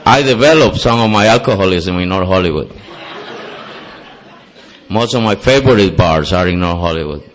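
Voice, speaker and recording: A man's voice: low voice, lively intonation, normal speed, long pauses, some chatter behind. A man from Costa Rica with a Costa Rican Spanish accent and Spanish as his first language, giving an earnest personal testimony at a recovery meeting with self-deprecating humor. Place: meeting hall.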